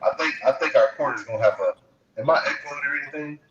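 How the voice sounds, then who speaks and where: A man talking casually about football on a call, his voice caught in a hollow, boomy echo as if he were in a hole. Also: fast, dull audio, crowd noise. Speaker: sports panelist on a call. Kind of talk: casual sports chat.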